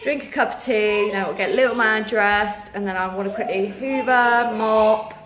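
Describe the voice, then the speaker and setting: A British woman in her thirties, a vlogger and mother, chats casually to camera in a rambling, informal way at a normal speed with a mid-range voice. She sounds tired and is losing her voice to a sore throat. The recording has a roomy echo and clearly audible background noise.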